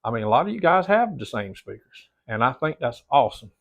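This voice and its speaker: Here the man's voice sits at medium pitch but swings widely, moving fairly quickly with a gravelly, slightly bright tone. He is middle-aged and a bit stuffy-nosed, rambling casually to camera in his home theater room, repeating words and calling viewers "guys." The audio is dull and lo-fi.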